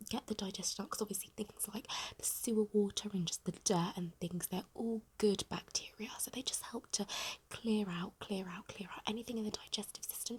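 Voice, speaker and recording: A British woman in a breathy, close-up whispered role-play, doing fast aggressive ASMR and rambling with rapidly repeated short phrases. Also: mid-range voice, a little mellow. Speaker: ASMR creator. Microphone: very close microphone.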